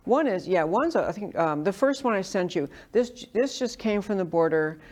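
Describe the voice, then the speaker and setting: A woman's voice: mid-range voice, animated, normal speed, darkish tone. A woman from New York hosting a conversational political interview, speaking in an opinionated, discursive way. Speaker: interview host.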